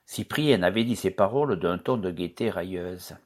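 A man reading a story aloud as narrator, calm and measured. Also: sits low. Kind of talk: audiobook reading.

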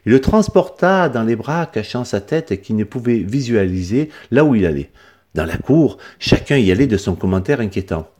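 Man reading a story with lively pitch. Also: moderate pace. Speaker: narrator.

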